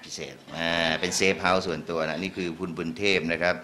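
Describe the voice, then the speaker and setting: A man's voice: sits low, flat delivery, quick pace, crowd noise. A man emceeing an event, politely and formally thanking and introducing a donor.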